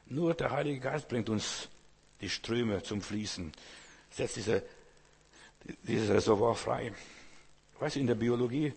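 A man's voice: mid-range voice, vocal fry, husky. A man preaching a sermon, speaking directly to the listener with emphatic repetition. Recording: long hall reverb.

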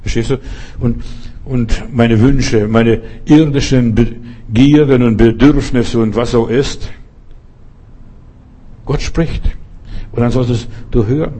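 Husky, mellow-voiced preacher man. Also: mid-range voice, slow, pauses often. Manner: earnest, direct, addresses listener as du. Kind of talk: sermon.

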